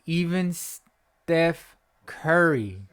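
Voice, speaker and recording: A man's voice: on the high side, lively intonation, very slow, a bit bright, clean tone. A young man hosting a fan channel, ranting in frustration after a game, repeating himself and rambling. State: voice cracking. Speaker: sports fan channel host. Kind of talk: post-game reaction rant. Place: at home.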